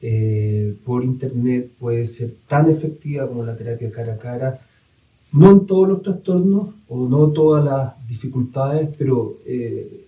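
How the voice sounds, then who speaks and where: A middle-aged man speaks as a psychologist guest on a live radio show, calm and explanatory at a mid pitch. He sits away from the microphone in a roomy studio, and the recording sounds dull and lo-fi. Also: unhurried, distant mic. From El Salvador.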